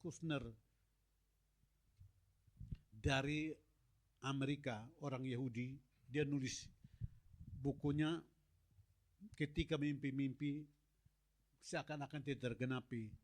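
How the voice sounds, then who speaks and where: A man's voice: mid-range voice, slow pace, pauses often. A middle-aged man preaching a sermon as a pastor, telling stories and acting out dialogue with God and Moses. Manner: animated storytelling, acts out God and Moses in dialogue.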